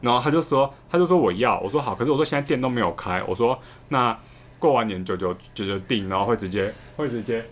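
A man, telling a story in a casual podcast chat, fast, repeating words and laughing often. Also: medium pitch, lively intonation. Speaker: podcast co-host.

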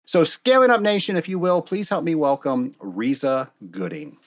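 A man's voice: fairly high pitch, wildly swooping pitch, normal speed. A man hosting a podcast, introducing his guest and asking questions in an upbeat, enthusiastic way. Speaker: podcast host. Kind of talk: podcast interview.

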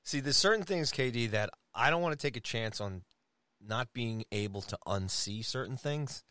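A man's voice: medium pitch, lively intonation, normal speed, pushed and bright, no echo, studio quality. A middle-aged man co-hosting a podcast, chatting casually in an easygoing, rambling, teasing way. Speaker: podcast co-host. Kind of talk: casual chat.

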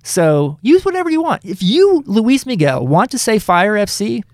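Gravelly, animated man talking soccer. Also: high-pitched, moderate pace, no room sound, studio quality. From Kansas City area, United States. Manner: animated, emphatic, self-interrupting. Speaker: podcast host. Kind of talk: casual soccer talk.

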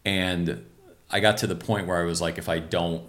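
A man's voice: low voice, fairly even intonation, normal speed, a bit bright. A middle-aged man from Maryland, telling stories as a screenwriter guest in a chatty way, laughing and using lots of fillers. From Maryland, USA. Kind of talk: casual interview chat.

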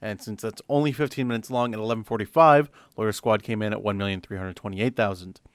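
A man hosting a casual podcast, reading out a list of figures in a steady way and laughing easily. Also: on the low side, fast, no echo. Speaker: podcast host reading ratings.

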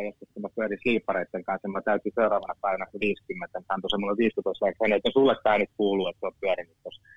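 A man in his fifties telling stories in a relaxed chat. He rambles, doubles back on his words and drops casual swear words. His dry voice comes through a slightly dull, lo-fi recording. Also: on the low side, no echo. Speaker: guest. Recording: dull lo-fi sound.

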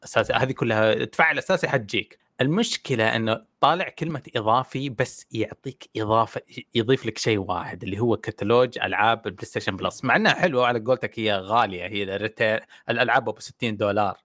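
A man's voice: on the low side, very fast, fairly bright tone, dry recording, studio quality. A man in casual chat, teasing and questioning his co-host, explaining plainly.

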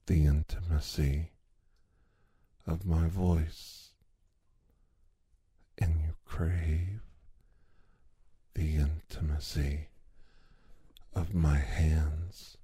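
A deep-voiced man talks in an unhurried, intimate murmur that keeps sinking into whispers. His tone is dark and mellow and his voice is husky and breathy. The recording is dry, with no room sound around him. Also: no room sound. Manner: slow, soft, lingering delivery with long pauses; drifts between low voice and whisper. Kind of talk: intimate ASMR roleplay.

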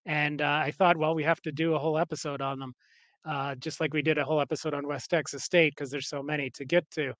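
A man's voice: on the high side, flat delivery, fast, fairly bright tone, no room sound. A Canadian man co-hosting a podcast in casual chat, rambling with lots of fillers and restarts. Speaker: podcast co-host.

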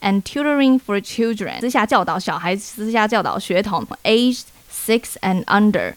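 Young woman cohost, taiwanese mandarin accent, walks through english lines clearly, jokey. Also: mid-range voice, animated, moderate pace, no room sound. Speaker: podcast co-host teaching English. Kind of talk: casual chat with English lessons.

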